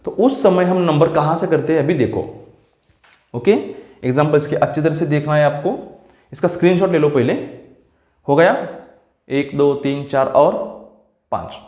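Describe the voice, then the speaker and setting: A man's voice: fairly high pitch, moderate pace, long pauses, a little mellow. A man teaching chemistry in a classroom lecture, explaining step by step and often asking if the students follow. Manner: explains step by step, keeps checking "clear?" with students. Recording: echoey room.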